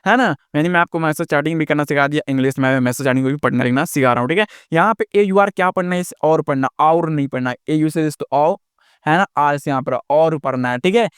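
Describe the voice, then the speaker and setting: Friendly teacher spelling words out slowly. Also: male voice, a little high, smooth, no echo, clean studio sound. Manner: keeps adding "दोस्तों" and "है ना?" as check-ins. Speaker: English teacher. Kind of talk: spoken lesson on reading and writing English.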